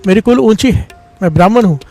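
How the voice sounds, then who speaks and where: A man's voice: high-pitched, animated, quick pace, a little mellow, faint music behind. A man voicing a proud demon king who boasts of his might while telling a story in a sermon. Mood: boastful. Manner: boastful, then regretful.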